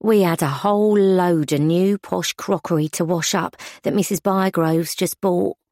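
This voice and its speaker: A woman's voice: fairly low pitch, measured pace, a little mellow, dry recording, studio quality. Woman voicing a weary kitchen maid. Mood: weary, resigned.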